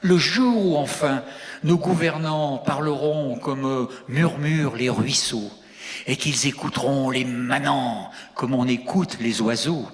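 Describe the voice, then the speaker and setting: A man voicing his accentless city-dwelling brother, reciting a poem slowly and solemnly. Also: medium pitch, voice pushed down, natural voice. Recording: long hall reverb.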